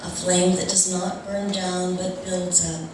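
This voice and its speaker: At a church service, a woman addresses the congregation with announcements and readings in a fairly low, unhurried voice with little pitch movement. The large room reverberates heavily, the mic is distant, and the space is noisy.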